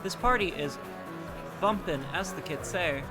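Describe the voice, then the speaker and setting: A man's voice: high-pitched, lively intonation, unhurried, loud music behind the voice. A man giving casual, chatty livestream commentary on a game, informal and wry, swearing now and then. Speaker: game streamer.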